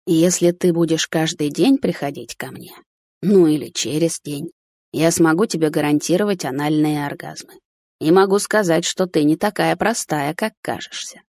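Lady doing a sly old guy, slow teasing drawl, low husky voice, dry close sound. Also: darkish tone, dry recording. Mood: coaxing. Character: sly, mocking older man, unhurried.

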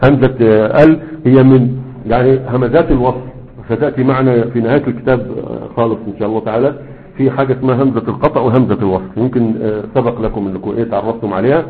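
A man's voice: medium pitch, fairly even intonation, very fast. A man teaching a classroom grammar lesson in a conversational way, often checking with his students. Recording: dull lo-fi recording.

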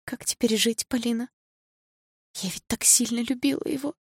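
A woman reading an audiobook, voicing a grieving young woman whose voice is hoarse from tears. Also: fairly high pitch, fairly even intonation, moderate pace, no room sound, clean studio sound, pitched above the performer's own voice, full character voice. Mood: tearful.

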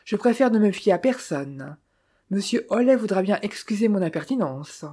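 A woman reading the lines of a small, courteous older male detective in formal, measured speech. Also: medium pitch, expressive, mellow, breathy edge.

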